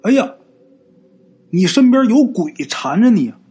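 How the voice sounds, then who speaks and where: A male storyteller voicing a blunt old Taoist priest who gives low, repeated warnings. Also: big pitch swings, unhurried, darkish tone, breathy edge, full character voice. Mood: startled.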